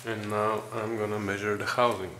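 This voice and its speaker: A man narrates a workshop tutorial. He works through numbers methodically, with pauses and fillers. Faint ambient noise sits behind him in the garage. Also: on the low side, flat delivery, bright, forceful tone. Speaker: home mechanic explaining engine measurements.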